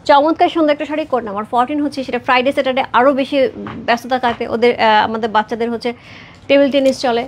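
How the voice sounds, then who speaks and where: A high-voiced woman in her thirties from Bangladesh hosts a live saree sale. She talks very fast, repeating codes and prices and chatting with viewers between items. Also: steady tone, slight background noise. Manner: fast repetitive sales patter, chatting with viewers. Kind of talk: live-stream saree selling.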